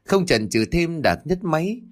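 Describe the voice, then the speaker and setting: A man narrating a dramatic audio story in a steady reading voice. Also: fairly high pitch, measured pace.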